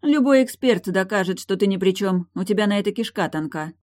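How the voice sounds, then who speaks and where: A woman voicing a furious, sharp-tongued woman on prosthetic legs who shouts and snaps, in an audiobook. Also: medium pitch, lively intonation, fairly quick, no echo, studio quality, pitched above the performer's own voice, close to an everyday voice. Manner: shouting, snapping.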